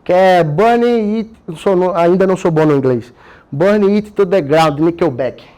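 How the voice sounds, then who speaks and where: A Brazilian man with a Brazilian Portuguese accent and a high, mellow, clean voice talks casually and energetically at a measured pace about how he prepares himself. As a course participant sharing his method, he uses lots of tag questions and slang.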